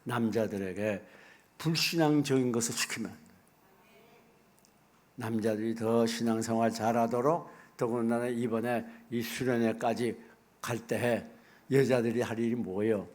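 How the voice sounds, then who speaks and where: A middle-aged man preaching a sermon as pastor, folksy and animated, acting out little asides. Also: mid-range voice.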